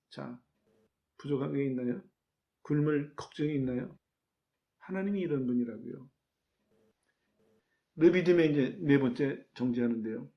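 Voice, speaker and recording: A man's voice: mid-range voice, vocal fry, dark tone. A man pastor preaching a sermon, stressing his points with rhetorical questions and repeated key words.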